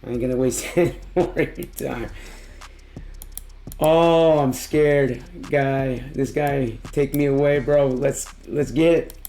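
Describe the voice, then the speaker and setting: A man with a hoarse, tired voice giving a casual, excited music reaction in slangy, emphatic talk. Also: mid-range voice, slight background noise. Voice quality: hoarse, worn-out voice from losing it. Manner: slangy, emphatic, drawn-out exclamations. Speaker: music reaction video host.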